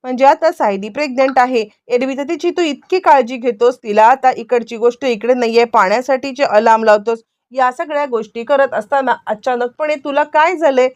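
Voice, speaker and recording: Scolding, exasperated mother, higher and tense, as a woman reads her part. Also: moderate pace, few pauses, no echo, lightly acted. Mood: angry scolding. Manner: sharp, scolding.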